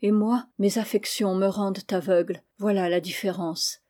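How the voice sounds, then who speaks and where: An anxious, tender young mother, earnest and quick to lose heart, voiced by a woman reader. She sounds warm and mellow, holding firm in a storybook tale. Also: medium pitch, steady tone, close to an everyday voice. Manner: earnest and worried, firm with her child. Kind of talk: audiobook reading of a classic novel.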